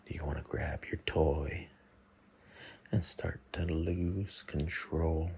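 A man in an intimate ASMR role-play, murmuring breathily right into the listener's ear, coaxing and teasing with many pauses. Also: extremely low pitch, fairly even intonation. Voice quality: breathy, husky. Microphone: close mic.

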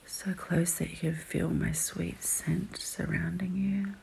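A woman in an intimate whispered role-play as a dominant, doting lover, breathy and coaxing, right in the listener's ear. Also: lowish voice, little pitch movement, noisy background. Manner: slow, coaxing, sultry. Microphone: very close microphone.

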